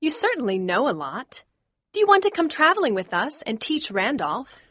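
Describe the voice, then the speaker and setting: A lively teasing young lady. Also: sits high, normal speed, dry recording, exaggerated voice. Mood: pleading. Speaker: Daisy Miller. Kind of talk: audiobook dialogue acting.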